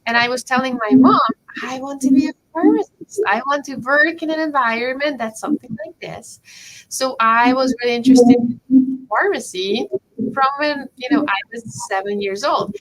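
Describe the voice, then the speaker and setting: A Hungarian professor teaching a kids' chemistry camp gives a friendly talk to children over a video call. She is encouraging and often checks in with the kids, speaking in a high-pitched voice at a moderate pace, and the audio is poor.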